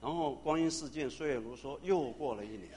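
A man's voice: mid-range voice, a little fast. A man who is a pastor, telling a personal testimony in a sermon, acting out the dialogue and sometimes stammering or repeating words. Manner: animated storyteller who acts out dialogue.

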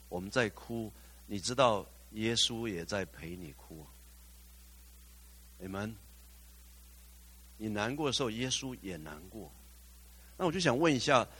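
A man's voice: on the low side, fairly bright tone, slightly rough. A male pastor preaching a sermon, putting questions to the congregation, slipping in English phrases and rising to fervent exclamations.

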